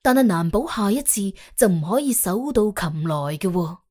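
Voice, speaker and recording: A woman with a mid-range voice narrates an audiobook at normal speed, telling the story in an animated, colloquial way with a wry, expressive manner.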